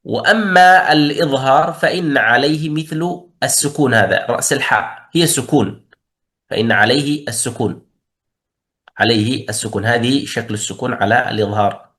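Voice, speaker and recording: A man's voice: mid-range voice, normal speed, a bit bright. A man teaching tajweed in a classroom lesson, explaining methodically and posing and answering his own questions.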